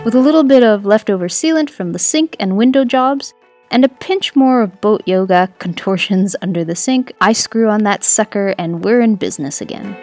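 A woman's voice: mid-range voice, expressive, moderate pace, a little mellow. A woman giving an upbeat, scripted voice-over for a sailing vlog. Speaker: vlogger narrator. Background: music.

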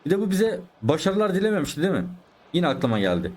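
A man's voice: a little high, very animated, fast talker. A man giving chatty live commentary over his own football video game, talking to his viewers and exclaiming at the plays. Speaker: gaming YouTuber.

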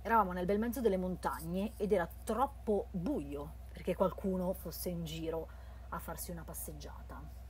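An Italian woman translating and reading a horror game aloud, moving between quiet narration and loud joking remarks. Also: fairly low pitch, normal speed, a little hiss or hum. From Italy. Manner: reads narration softly then breaks into loud, playful commentary. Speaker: let's play host translating a game aloud.

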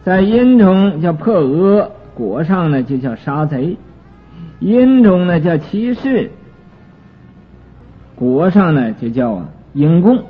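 A man giving a Buddhist sutra commentary lecture, explaining terms slowly with many drawn-out fillers. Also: fairly high pitch, sing-song, slightly rough. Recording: tinny lo-fi recording with faint music.

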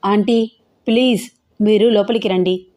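A woman's voice: mid-range voice, steady tone, a little slow, mellow, natural voice. A woman voicing an angry young bride-to-be who talks back sharply and indignantly.

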